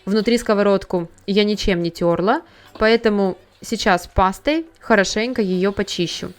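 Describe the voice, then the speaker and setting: A woman giving a calm, step-by-step scripted voice-over on cleaning a pan. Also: medium pitch, moderate pace, clean tone. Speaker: home cleaning tips host.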